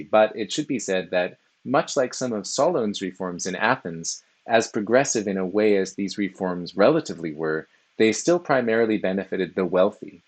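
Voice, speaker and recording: Male lecturer, low-pitched, measured and explanatory, some filler words. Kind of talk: recorded philosophy lecture.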